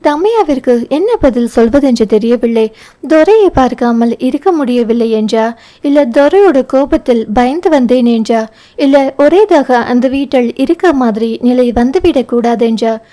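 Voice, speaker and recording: Mellow-voiced woman reading a novel. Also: high-pitched, animated, a little slow. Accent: Tamil. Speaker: audiobook narrator. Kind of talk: novel reading with character dialogue.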